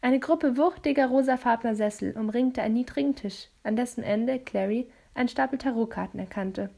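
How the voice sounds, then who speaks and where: A woman reading a novel aloud as an audiobook, narrating in a calm, even way. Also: on the high side, vocal fry. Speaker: audiobook reader. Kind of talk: storybook narration.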